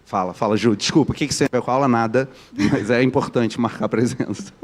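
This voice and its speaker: A man's voice: mid-range voice, fast talker. Joking Carioca male teacher. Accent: Carioca Brazilian Portuguese. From Rio de Janeiro, Brazil. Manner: joking, keeps quizzing the students. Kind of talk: live online class.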